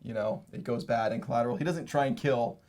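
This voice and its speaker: A man co-hosting a movie review podcast in casual chat, laid-back and quick to laugh, who often trips over and repeats his words. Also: mid-range voice, darkish tone, a little hiss or hum.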